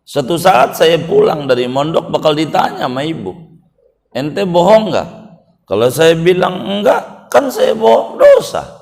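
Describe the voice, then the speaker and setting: A man's voice: fairly high pitch, sing-song, a little slow, vocal fry, a little mellow, full character voice. A man voicing an earnest, honest young boy who pleads his case. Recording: long reverb of a mosque hall.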